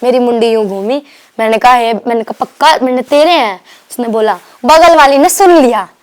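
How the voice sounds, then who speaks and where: A young woman from Delhi, telling her story to an interviewer in a rambling, animated way, acting out what others said and restarting her sentences. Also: a little high, moderate pace, clean tone. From Delhi, India. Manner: rambling, animated retelling with quoted dialogue and restarts. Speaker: guest.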